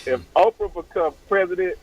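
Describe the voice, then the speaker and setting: A man's voice: high voice, animated, fairly quick, far from the mic, highs cut off. A man calling in to a radio show, joking and clowning with the hosts. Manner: playful, clowning. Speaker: caller. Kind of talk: joking call-in banter.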